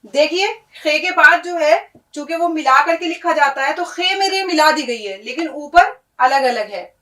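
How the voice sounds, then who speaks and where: A woman's voice: high-pitched, animated, a little slow, a bit bright. A woman teaching a letter-by-letter language lesson, patient, repeating and checking in with her students. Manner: patient, explains and repeats, asks "है ना?" often. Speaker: Urdu teacher. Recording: echoey room, mic at a distance.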